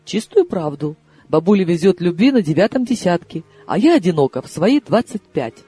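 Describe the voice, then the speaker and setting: A man reads a novel aloud in a high, animated voice that swoops up and down, telling the tale with wry irony. His tone is mellow and a bit husky, and soft music plays faintly behind him. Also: moderate pace. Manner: lively, ironic storytelling. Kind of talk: audiobook narration.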